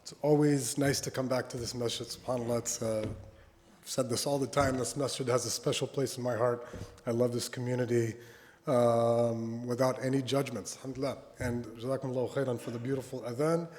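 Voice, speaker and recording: A man delivers a sermon with a thick, sore-throated voice, as if getting over swollen tonsils. His delivery is halting and hesitant, and his voice rings with long reverb in a large hall. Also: medium pitch, flat delivery, a little mellow. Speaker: Friday sermon speaker. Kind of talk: sermon in English with Arabic recitation. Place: mosque prayer hall.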